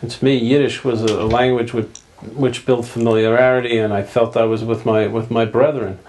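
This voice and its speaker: A man's voice: mid-range voice, little pitch movement, brisk, darkish tone. Man, talk show host, joking, interrupting, mid-range voice. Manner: joking, interrupts guests often. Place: TV studio.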